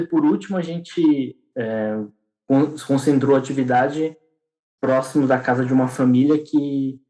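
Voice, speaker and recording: A young man speaks in a casual interview. His voice sits in the middle of the male range, and he pauses often, restarts his sentences and leans on small fillers as he tells his story. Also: mid-range voice, warm tone, rough recording. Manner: hesitant, many restarts and fillers. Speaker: podcast guest.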